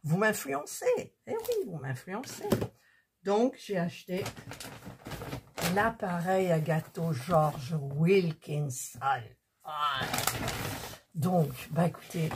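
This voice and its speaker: With some background noise behind her, a woman with a voice on the low side chats with her viewers about things she bought. She unpacks and tries out each one, fiddling with them in a relaxed haul video.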